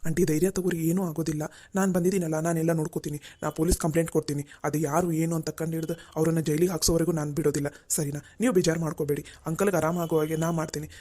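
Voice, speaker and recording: A woman's voice: low-pitched, fairly even intonation, very fast, hardly any pauses, mellow. A soothing young man. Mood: reassuring. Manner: soothing, coaxing, repeats "okay?". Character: young man, calm and reassuring friend. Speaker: helper friend.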